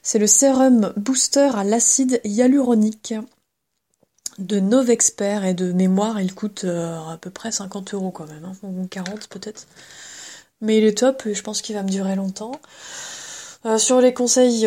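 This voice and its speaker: A woman's voice: mid-range voice, fairly even intonation, measured pace. A woman hosting an unscripted podcast, talking casually with many fillers and small laughs while walking around her home. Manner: chatty, hesitant, many fillers and soft laughs. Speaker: podcast host.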